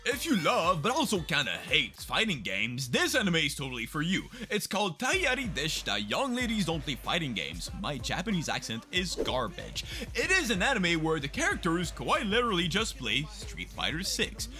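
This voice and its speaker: A young YouTube host delivers sarcastic, mock-dramatic commentary on the new anime season. His bright voice stays a little high, with huge pitch swings at a moderate pace, while soft music plays faintly beneath.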